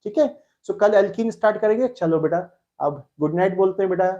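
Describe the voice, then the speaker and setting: A man's voice: sits high, brisk, mellow, lo-fi sound. A man with an Indian accent teaching a live online chemistry class, coaxing his students and repeating key words.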